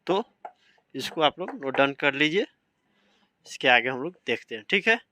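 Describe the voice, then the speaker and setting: A man's voice: a little high, big pitch swings, moderate pace, bright, forceful tone. A man teaching a vocabulary lesson. He spells each word out letter by letter and keeps asking if his students follow. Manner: spells words letter by letter, often asks "samajh rahe na".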